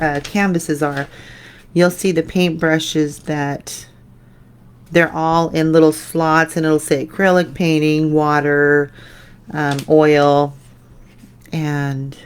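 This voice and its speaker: A woman hosting a live painting tutorial, chatting with viewers and trailing off into quiet mutters as she concentrates. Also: low-pitched, clean tone. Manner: chatty, answers viewer comments while painting; drifts into soft mutters when concentrating. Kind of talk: live painting demo, casual chat.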